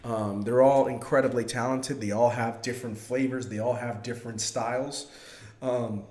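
A man's voice: medium pitch, fairly even intonation, normal speed, darkish tone. A man hosting a casual podcast, nasal and congested from a cold, with an emphatic, slangy, bro-style delivery. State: getting over a cold. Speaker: podcast host. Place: home dining room, indoors. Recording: roomy echoing indoor sound.

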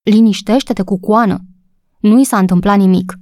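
Woman reader as a polite male sergeant, placating, formal, mellow, dry. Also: mid-range voice, no echo, close to an everyday voice.

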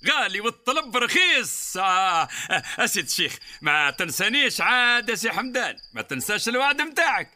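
A man's voice: high voice, sing-song, brisk, few pauses, pushed and bright, a little hiss or hum, full character voice. An actor with a southern Tunisian accent playing a young servant who fawns over his master. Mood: fawning. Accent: southern Tunisian Arabic. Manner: drowsy at first, then fawning and eager. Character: sleepy, eager young servant. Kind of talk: radio drama acting.

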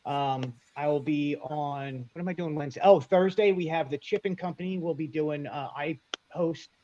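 A man's voice: fairly high pitch, moderate pace, warm tone, muffled recording, slight background noise. A man chatting casually as a guest, enthusiastic and full of dad jokes. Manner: enthusiastic, jokey dad humor. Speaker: podcast guest and YouTube host. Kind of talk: casual chat.

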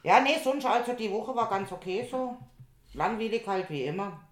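A woman's voice: medium pitch, lively intonation, normal speed, crowd noise. Casual podcast co-host, woman, rambling anecdotal delivery, roomy sound. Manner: chatty, ends remarks with "oder?". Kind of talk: casual chat, telling anecdotes. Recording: roomy echo.

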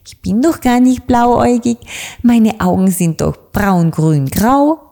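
A woman's voice: fairly high pitch, expressive, slow pace, creaky, voice pushed up, exaggerated voice. A woman voicing a cheerful, carefree little witch girl in a children's storybook, speaking playfully. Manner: bright, playful.

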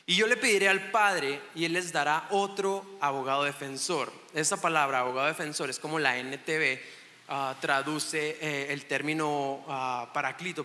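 This man, a guest preacher in his thirties, speaks in a pushed, bright voice on the high side, with the northern Mexican accent of his native Chihuahua. He's preaching a relaxed church sermon, joking at his own expense and chatting, and he keeps starting his sentences over. The recording comes from a church hall whose echo leaves a long reverb.

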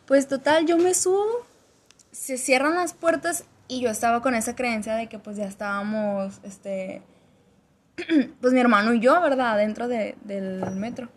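A woman's voice: a little high, unhurried. A young woman with a Mexican Spanish accent, telling a story in a casual chat and acting out the dialogue with frequent laughs. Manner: animated, acts out quoted dialogue, laughs often. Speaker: podcast co-host telling a story.

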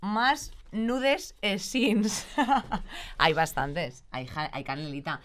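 A woman's voice: medium pitch, very slow, fairly bright tone. A woman from Spain with a Spanish accent, co-hosting a casual chat show and talking freely, with casual swearing. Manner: chatty, swears casually, calls her co-host "tía". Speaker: vodcast co-host.

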